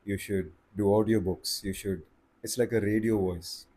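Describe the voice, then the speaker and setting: A man with an Indian accent giving calm, slow-paced advice on speaking to the camera. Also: fairly low pitch. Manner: slow, calm and deliberate, with pauses. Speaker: voice coach. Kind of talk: casual advice talk to camera.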